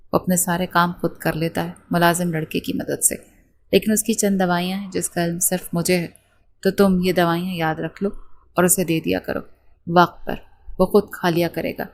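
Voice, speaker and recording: A woman's voice: fairly low pitch, a little mellow, a little hiss or hum, close to an everyday voice. Brief: stern mother-in-law, businesslike orders, read by a woman. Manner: firm, instructing.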